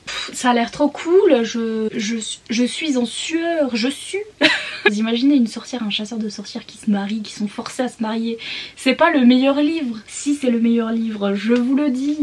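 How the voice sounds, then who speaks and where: Giggly young french woman unboxing books, a bit high voice, chatty and excitable. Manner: giggly, excitable, often laughing between phrases. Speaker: book vlogger. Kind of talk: casual unboxing chat.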